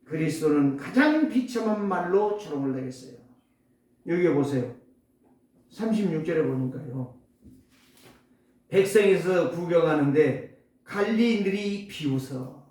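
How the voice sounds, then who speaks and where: High, animated preacher in an echoing church. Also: male voice, moderate pace. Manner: emphatic, rhetorical questions, sudden loud and soft swings. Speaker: pastor. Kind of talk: sermon. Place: church sanctuary. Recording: echoey church hall, distant mic.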